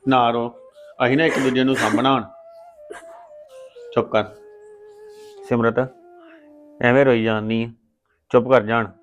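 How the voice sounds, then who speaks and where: Male actor as a soft-spoken, consoling older brother; mid-range voice; slightly muffled audio. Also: medium pitch, little pitch movement, a little slow, pauses often, faint music behind, lightly acted. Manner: soothing and coaxing. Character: gentle elder brother consoling his sister. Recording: slightly dull recording.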